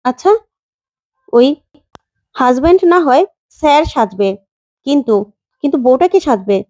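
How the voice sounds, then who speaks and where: A young man who sticks by the heroine talks in a relaxed, casual way, as a woman narrator lowers her voice for him. The tone is warm and mellow, and the sound is dry. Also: normal speed, no echo. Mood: sly.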